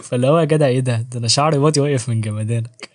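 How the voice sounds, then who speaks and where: Egyptian male book vlogger, quick banter, mid-pitched, jokey and slangy. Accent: Egyptian Arabic. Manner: joking, slangy, self-mocking. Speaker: book reviewer and channel host. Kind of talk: casual book review vlog.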